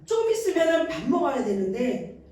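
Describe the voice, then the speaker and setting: A woman teaches parents in a church, coaxing and warm as she plays out a mother's tender words to her baby. Her voice sits high and moves a lot. The sound is distant and heavily echoey, as if caught from across a hall. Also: very animated, fairly quick. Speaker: church infant ministry teacher. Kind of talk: parenting lesson in a church service. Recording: echoey room, voice from far off the mic.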